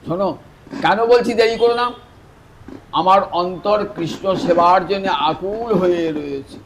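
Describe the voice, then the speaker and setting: High-voiced man telling a scripture tale. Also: background noise. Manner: animated storyteller who addresses listeners directly; swings from soft, slow phrasing to louder, emphatic bursts. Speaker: Vaishnava preacher. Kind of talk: devotional scripture storytelling sermon.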